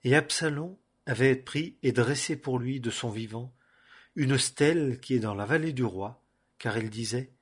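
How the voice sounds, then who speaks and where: A man reading a Bible passage aloud in a measured, solemn way, phrase by phrase. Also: medium pitch, husky. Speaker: scripture reader.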